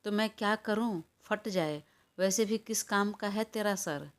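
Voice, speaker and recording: A woman's voice: medium pitch, a little slow, pitched above the performer's own voice, close to an everyday voice. A woman voicing a stubborn, hot-tempered young woman who quarrels and makes demands, in a storybook reading. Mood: angry.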